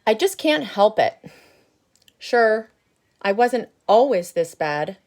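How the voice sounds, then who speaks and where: A woman's voice: mid-range voice, big pitch swings, a little mellow, pitched above the performer's own voice. Woman voicing a grumpy, emphatic little storybook seed. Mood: resigned, wistful. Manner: emphatic, drawn-out, confessional. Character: boastful, grumpy little male sunflower seed, self-declared bad. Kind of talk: picture-book character read aloud.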